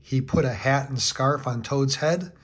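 A man reads a children's picture book aloud to young listeners. He narrates slowly and clearly, taking his time over each line, in a voice of average pitch. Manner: slow, clear storytelling narration.

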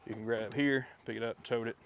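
A man giving a relaxed, chatty walkthrough of his gear outdoors, filmed on a head-mounted camera. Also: mid-range voice, fairly quick, gravelly, clear, resonant tone. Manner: relaxed, chatty, with many fillers. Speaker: fishing video host. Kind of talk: casual product walkthrough. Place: backyard outdoors. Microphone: head-mounted action camera.

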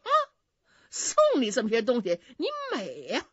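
A woman voicing an arrogant, boorish male general who shouts and brags, in a dry, slightly dull recording. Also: medium pitch, big pitch swings, normal speed, slightly rough, no echo. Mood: bullying. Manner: bullying, shouting, boastful.

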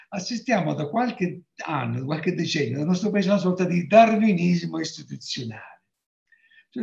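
A man's voice: on the high side, vocal fry, darkish tone. A man in his sixties lecturing informally on a video call in an emphatic manner, repeating key phrases. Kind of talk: informal academic lecture discussion. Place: book-lined home study, video call. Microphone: video call microphone. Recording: roomy, dull video-call audio.

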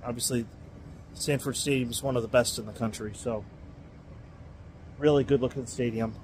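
A man of middle pitch narrates a stadium tour on his phone, enthusiastic and rambling as he stops to fix his own sentences. He sounds outdoors, with faint ambient noise and the occasional vehicle in the background. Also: fairly even intonation, normal speed, darkish tone. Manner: rambling, enthusiastic, self-correcting. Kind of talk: casual walking vlog narration.

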